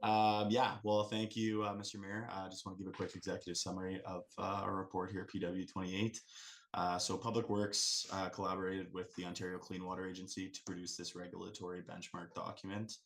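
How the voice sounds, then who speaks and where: A man speaks on a conference call, dialed into a council meeting remotely. His voice is very low and gravelly with a flat, even delivery, and he pauses often on fillers as he walks through a staff report. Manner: halting, with many "uh" and "um" fillers. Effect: joining remotely over a conference call. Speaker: municipal staff member presenting a report.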